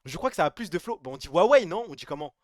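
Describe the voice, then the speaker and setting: A man, chatting casually on a late-night stream, joking and reading chat aloud, swinging between loud and soft. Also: high voice, big pitch swings, very fast, no echo, clean studio sound.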